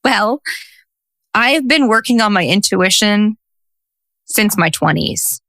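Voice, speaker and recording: A woman's voice: mid-range voice, takes it slowly, dry recording. A woman in her forties, a social worker and coach, telling stories in a casual interview and acting out what people said. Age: 40s. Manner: animated storyteller who acts out quotes.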